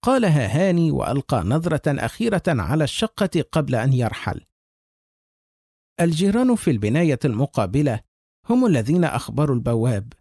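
A man's voice: on the high side, big pitch swings, a little fast, darkish tone, husky, no echo, studio quality. A man narrating a horror story with tense, suspenseful delivery.

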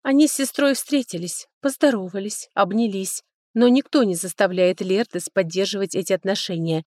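A woman's voice: medium pitch, moderate pace, darkish tone, no echo. Woman narrating an audiobook, dry sound. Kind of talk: scripted narration.

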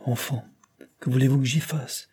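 A man reading aloud voices a sickly, anxious older woman who talks in a hushed, plaintive way. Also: mid-range voice, steady tone, moderate pace, husky, voice pushed up. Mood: fearful, plaintive. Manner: fearful, plaintive.

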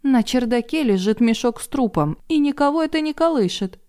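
A woman voicing an indignant, sharp-tongued middle-aged woman who talks loudly and sarcastically. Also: a little high, expressive, fairly quick, clear, resonant tone, pitched above the performer's own voice, natural voice. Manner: loud, exasperated and sarcastic.

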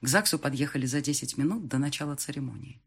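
Woman, audiobook narrator, first-person, expressive, animated pitch, husky tone. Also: quick pace.

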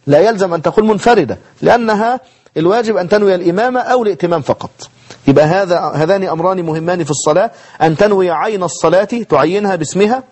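Brisk high-voiced Egyptian lecturer. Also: male voice, darkish tone. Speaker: teacher of Islamic jurisprudence. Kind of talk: televised religious lesson. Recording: broadcast studio recording.

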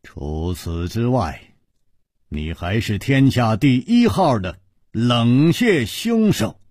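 A man voicing a calm, confident swordsman hero who speaks in an unhurried, teasing way. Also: medium pitch, slightly rough, dry recording, studio quality, full character voice.

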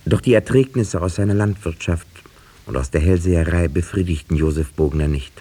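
In a 1950s radio play, a man with a low, dark, slightly breathy voice plays a wry, sceptical village schoolteacher who narrates the tale. He speaks fairly quickly, in a reflective, dryly ironic storytelling mood.

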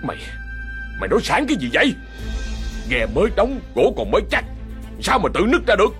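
A man's voice: a little high, huge pitch swings, a little fast, fairly bright tone, faint music behind, voice pushed up. A man doing a snarling cruel landowner. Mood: furious. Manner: harsh, barking, scornful. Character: cruel, sick middle-aged landowner, short-tempered.

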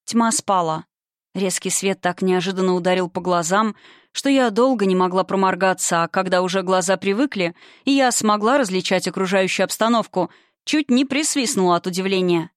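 A woman's voice: medium pitch, moderate pace, no echo. Female audiobook narrator, suspenseful first-person read, dry.

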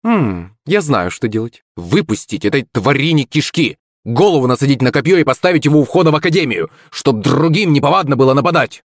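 A fierce teenage schoolgirl with a bloodthirsty sense of humor, bold and brash. A man reads her in a lightly raised voice. Her tone swings in a lively way in a dry, close recording. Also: mid-range voice, a little fast, dry recording, pitched above the performer's own voice. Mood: gleeful.

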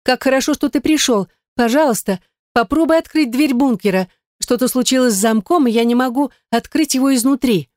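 A desperate, scheming young woman squeals and shrills her lines in a raised, piercing pitch, as a woman reader puts her on. Jealous and frantic, she pleads one moment and accuses the next. It is an audiobook character voice, recorded close and dry. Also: a little fast, few pauses, darkish tone, no echo, lightly acted. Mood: pleading.

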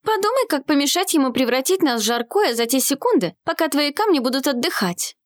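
A woman voicing a bold, sharp-tongued young female warrior in a storybook reading. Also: sits high, big pitch swings, fairly quick, voice pushed up. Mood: urgent.

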